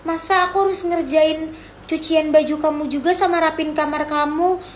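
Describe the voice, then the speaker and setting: A woman doing a timid young woman, very high. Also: fairly even intonation, normal speed, a little hiss or hum, close to an everyday voice. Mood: pleading. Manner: hesitant, soft and pleading. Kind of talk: homemade dramatized story.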